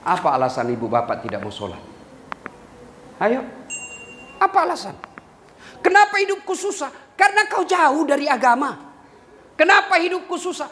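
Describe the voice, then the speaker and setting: A lively preacher, a man whose voice leaps up and drops low as he jokes with his congregation. The room rings with echo and there is a faint hiss under him. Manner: animated, swings between loud and low, sings snatches of songs for laughs. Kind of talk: humorous sermon to a live audience. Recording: echoey live hall with faint noise.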